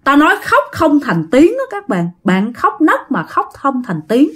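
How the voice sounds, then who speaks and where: A woman's voice: high-pitched, measured pace. A woman with a Southern Vietnamese accent, casually narrating a ghost story and speaking straight to her listeners with dramatic emphasis. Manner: animated, addresses listeners directly, dramatic emphasis.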